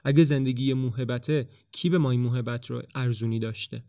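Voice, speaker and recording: A man's voice: medium pitch, fairly even intonation, mellow, no room sound, clean studio sound, lightly acted. A man voicing an anxious young man facing death, speaking earnestly and with a searching, somewhat raised tone in an audiobook. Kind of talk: audiobook dialogue reading.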